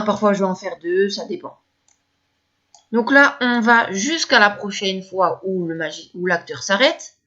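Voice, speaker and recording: A woman's voice: medium pitch, bright, forceful tone, lo-fi sound. A woman teaching video editing step by step, hesitant and repeating herself as she talks through each click. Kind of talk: screen-recorded editing tutorial.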